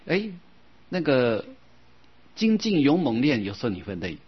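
A man gives a Buddhist dharma lecture gently and without hurry, using soft filler sounds and reciting scripture in a slow, drawn-out way. His mid-range voice is sing-song with a breathy edge, and the recording sounds dull and lo-fi.

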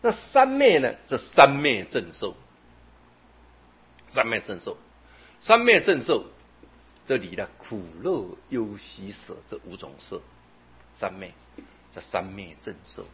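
A man's voice: fairly low pitch, sing-song, slow, pauses often, husky. A man giving a Buddhist sermon, telling stories with many filler particles. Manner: storytelling, with frequent filler particles. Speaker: Buddhist teacher. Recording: dull lo-fi recording.

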